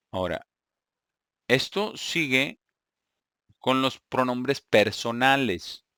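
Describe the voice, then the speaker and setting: A man preaching a teaching sermon, halting and repeating words, often checking in with his listeners. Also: medium pitch, pushed and bright, dry recording, clean studio sound. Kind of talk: sermon teaching Greek grammar.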